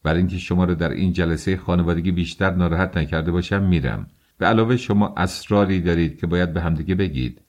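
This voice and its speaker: A man voicing a haughty middle-aged suitor who speaks in a stiff, contemptuous, measured way, in an audiobook. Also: deep voice, a little mellow. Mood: cold.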